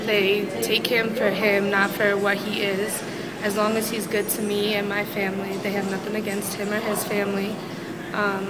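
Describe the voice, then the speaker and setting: A woman's voice: mid-range voice, poor audio. A young woman, a student, speaking matter-of-factly in a documentary interview. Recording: loud crowd behind.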